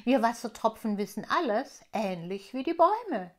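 A woman reading aloud, voicing a friendly, wise male water drop from a children's storybook in a raised, bright voice. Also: a little high, sing-song, normal speed.

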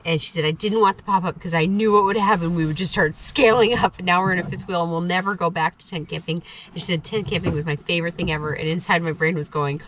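A woman's voice: fairly low pitch, steady tone, fast, a bit bright, a little hiss or hum. A woman in her forties chatting casually in a vlog, laughing easily, recorded on a handheld camera inside a small camper trailer. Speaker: vlogger. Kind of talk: casual chat. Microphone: handheld camera close up.

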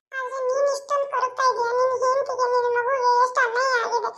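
A shrill, flat cartoon ghost. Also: full character voice. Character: restless ghost seeking peace, gentle and helpful. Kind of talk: cartoon voice acting.

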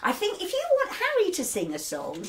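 A woman hosting a children's music show, chatting and singing playfully with an animated, sing-song delivery in a garden shed. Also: very high voice, brisk. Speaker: children's entertainer host. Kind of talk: cheerful chat and singing for young children. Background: acoustic guitar.

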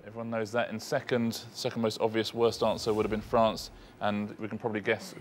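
A man with an English accent, the quiz show's co-host, explaining answers in a measured way with a few hesitations. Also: lowish voice, monotone, a little hiss or hum. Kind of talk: explaining answers on a game show. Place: television studio.

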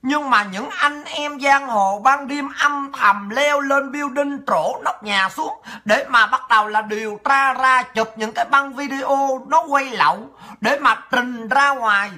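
Fiery bright-voiced woman commentator. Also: sits high, a little slow. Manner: fiery, emphatic, denouncing. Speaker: online commentator. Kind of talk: political commentary.

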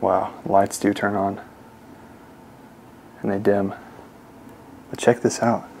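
A young man casually narrating a walkthrough of an empty mansion, talking to his viewers with excitement. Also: on the low side, takes it slowly, gravelly, a little hiss or hum. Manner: excited, addresses viewers as guys. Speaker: urban explorer vlogger. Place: large empty mansion indoors.

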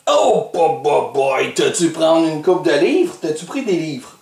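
A man's voice: on the high side, big pitch swings, measured pace, creaky, a little mellow. Man, Québécois accent, playful cooking teacher, roomy echo, distant mic. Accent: Québécois French. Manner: playful, teasing, patiently instructive. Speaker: host of a kids' cooking show. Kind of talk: cooking lesson with a child.

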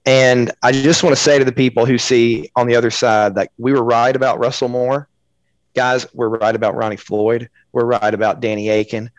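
A man co-hosts a podcast in a blunt, insistent voice of middle pitch. The sound is dry and close, with no room echo. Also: level tone, normal speed. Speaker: podcast co-host. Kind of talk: casual podcast discussion.

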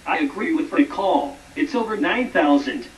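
A male computer voice playing a tag-along schoolboy sidekick, flat and synthetic, heard from afar in an echoey room. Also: fairly high pitch, moderate pace. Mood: agreeable. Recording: echoey, distant, with TV music behind.

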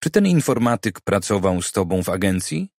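A man's voice: fairly low pitch, very animated, brisk, gravelly, darkish tone, no echo, studio quality, heavily acted. A man reading a blunt, demanding businessman. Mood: insistent. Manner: blunt, probing questions. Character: demanding wealthy middle-aged businessman.

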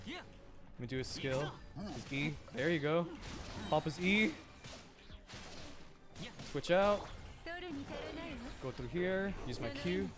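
Over game music, a streamer offers casual live commentary, talking to themselves and to the characters on screen and repeating phrases as they react. The medium-pitched voice moves slowly with frequent pauses, yet the delivery stays animated and reactive.

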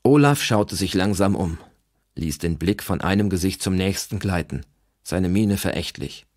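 A man narrating a novel in a steady, measured reading. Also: deep voice, dry recording, studio quality. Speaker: audiobook reader. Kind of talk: scripted narration.

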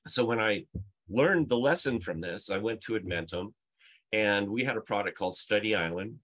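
Expressive and fairly bright, this lower-leaning male voice moves at normal speed. It comes from a middle-aged UX leader and conference speaker presenting via video call in his book-lined home, where he makes his case emphatically through stories and rhetorical questions.

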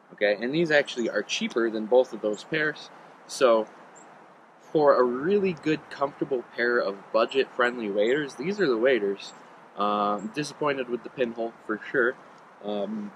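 A man in his thirties giving a relaxed, rambling gear review to a camera on a riverbank. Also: fairly low pitch, a little hiss or hum, rough recording. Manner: relaxed, chatty, rambling with ums. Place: outdoors on a riverbank. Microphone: camera on tripod a few meters away.

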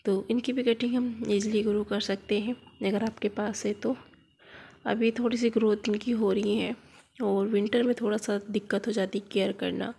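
Gravelly-voiced woman showing her garden. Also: mid-range voice, flat delivery, normal speed, warm tone. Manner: chatty, addresses viewers as friends. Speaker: gardening vlogger. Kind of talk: casual gardening walkthrough. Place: home garden, outdoors. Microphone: phone held in hand.

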